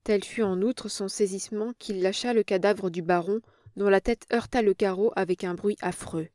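A woman narrates a novel in a measured, dramatic way at a middle pitch. The recording is dry and close, with no room sound. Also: steady tone, a little mellow, no room sound. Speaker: audiobook reader. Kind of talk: reading a novel aloud.

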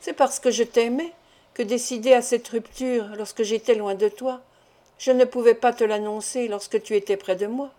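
A tormented middle-aged mother, ashamed of a forbidden love, pleads her case with impassioned, tearful insistence, as a woman narrator reads her part. The voice sits fairly high but sounds mellow and warm. This is a storybook reading, not full stage acting. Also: steady tone, moderate pace, close to an everyday voice. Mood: anguished pleading. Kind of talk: audiobook reading of a novel.

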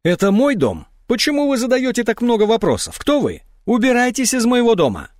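A man reading aloud, voicing a distraught woman in shock who rambles and then turns shrill and suspicious. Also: sing-song, normal speed, no room sound, studio quality.

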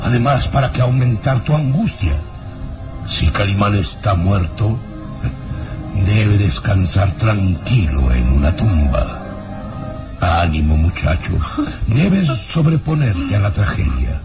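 A scheming baron in an old-time radio drama, low and unhurried, his voice swooping widely as he fakes kindness. Music swells behind him. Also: big pitch swings, heavily acted. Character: sly villainous baron, feigning sympathy. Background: dramatic background music.

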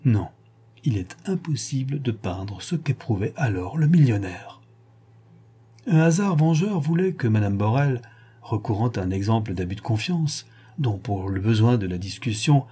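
Brief: male audiobook narrator, steady literary reading, mellow tone. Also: medium pitch, slightly rough. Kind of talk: scripted narration.

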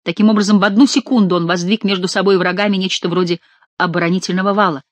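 Woman reading an adventure novel out loud, expressive, dry close sound. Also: medium pitch, racing, dry recording. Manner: expressive, storytelling. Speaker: audiobook narrator. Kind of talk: dramatic novel narration.

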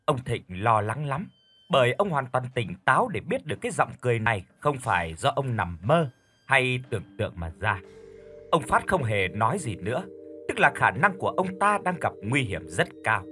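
A man narrating a horror audiobook in a calm, measured storytelling voice. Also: medium pitch.

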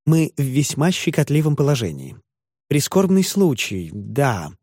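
A man's voice: mid-range voice, sing-song, measured pace, darkish tone, no room sound, clean studio sound. A man voicing a small, fussy lawyer who keeps pleading and placating. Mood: hushed. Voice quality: fussy, imploring. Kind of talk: audiobook character voice.

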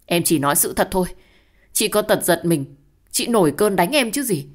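A woman voicing a scheming young woman who wails and complains in a shrill, melodramatic way. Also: moderate pace, natural voice. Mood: wailing. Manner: wailing, shrill crying complaints.

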